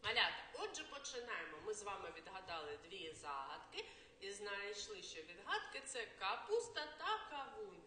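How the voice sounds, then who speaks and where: A woman kindergarten teacher giving a slow, coaxing early literacy lesson to young children. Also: mid-range voice, sing-song, pushed and bright. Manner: slow, sing-song, coaxing teacher talk. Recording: echoey room with faint noise.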